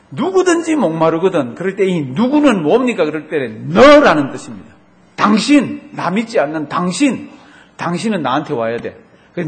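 Man, pastor, sermon, lively swooping delivery, slightly high voice, rhetorical questions, drawn-out verses. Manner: animated preaching, drawn-out quoted verses, rhetorical questions to the congregation.

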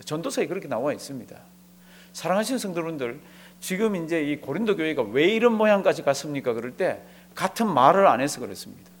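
Lively-pitched Korean pastor preaching. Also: male voice. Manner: preaching with rhetorical questions to the congregation; acts out dialogue in a storytelling way. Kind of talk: sermon.

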